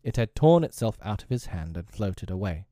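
A man narrating a storybook in a gentle, measured reading. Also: fairly low pitch, very animated, no room sound, clean studio sound.

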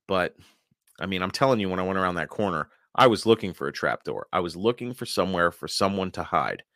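Low-voiced male podcast host, wry. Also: expressive, quick pace, fairly bright tone, no room sound, studio quality. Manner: wry, sarcastic, laughs often while telling the story. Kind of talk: reading his own article aloud, then casual chat.

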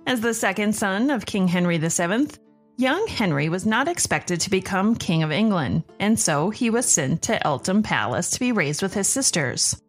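High-voiced woman narrating a podcast over music. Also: expressive, normal speed. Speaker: podcast host.

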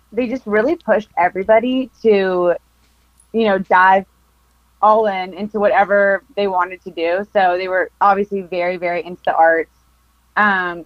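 Heard on a muffled recording with no room sound, this mid-range female voice belongs to a film photographer in her twenties from Costa Mesa, California. As a podcast guest in a relaxed interview, she laughs a lot and peppers her speech with likes and ums.

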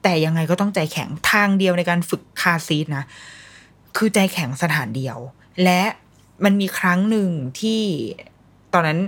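A woman's voice: lowish voice, expressive, normal speed, a bit bright. A woman, a mother telling parenting stories in a blunt, casual, colloquial way. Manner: blunt, colloquial, acts out quoted voices. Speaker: mother sharing parenting advice. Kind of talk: casual storytelling chat.

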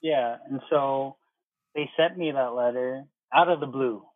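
An air traffic controller in his thirties, appearing as an interview guest, casually tells his own story over a muffled, phone-like line, retelling exchanges in quoted speech. His voice is medium-pitched and unhurried, on a dry recording.

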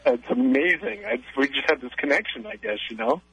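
A man's voice: mid-range voice, animated, brisk, a bit bright, slightly rough. A man calling in to a radio show over the phone, chatting casually and hesitating with many fillers. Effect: phone call into a radio show. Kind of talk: casual on-air chat. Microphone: telephone. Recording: dull dry phone line.

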